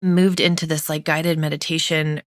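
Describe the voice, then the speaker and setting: Woman podcast host, young adult, low-pitched, heartfelt and earnest, dry studio sound. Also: little pitch movement, moderate pace, dry recording. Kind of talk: personal podcast monologue.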